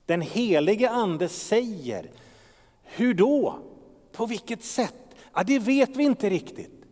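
Animated pastor in a reverberant hall. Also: male voice, on the high side. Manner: asks rhetorical questions and drops into whispers. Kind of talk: sermon. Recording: long reverb of a large hall.

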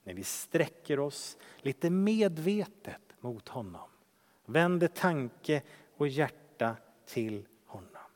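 A man preaching a sermon as pastor, earnest, swinging from loud emphasis to hushed softness. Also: fairly high pitch, very animated, in a large hall. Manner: earnest, shifting between loud emphasis and hushed soft speech.

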